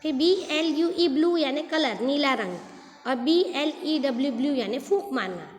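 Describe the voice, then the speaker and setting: A woman's voice: high-pitched, animated, normal speed, roomy sound, big-room sound. A woman teaching young pupils in a patient, repetitive way, spelling words out letter by letter. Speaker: school English teacher. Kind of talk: explaining homophones to young children.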